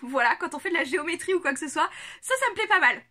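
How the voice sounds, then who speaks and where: A woman vlogger chatting casually to a camera on a tripod, giggling often and filling pauses with lots of hesitations. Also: very high voice, animated, bright, forceful tone. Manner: chatty, giggly, many fillers. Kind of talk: casual unboxing chat.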